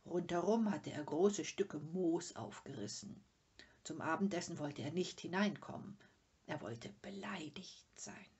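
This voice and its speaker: A woman reads a storybook aloud in a slow, unhurried way. Her voice is husky and breathy, and she stays calm and measured. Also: fairly low pitch, lo-fi sound. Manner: calm, measured, dropping to a near whisper. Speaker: reader. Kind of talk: audiobook narration.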